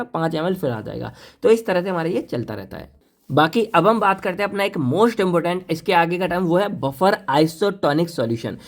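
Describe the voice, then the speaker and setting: एक पुरुष pharmacy lecturer, जो बातचीत भरे अंदाज़ में छात्रों को सीधे संबोधित करते हुए पढ़ाते हैं और हिंदी में अंग्रेज़ी शब्द मिलाते हैं।. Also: male voice, sits high. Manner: chatty teacher mixing Hindi and English terms; addresses students directly and playfully. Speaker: pharmacy lecturer. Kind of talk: casual classroom lecture.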